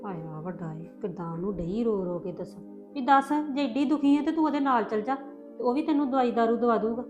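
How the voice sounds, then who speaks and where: A woman's voice: high-pitched, fairly quick, dull audio, close to an everyday voice. An actress playing a stern mother-in-law who scolds sharply. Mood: scolding. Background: music.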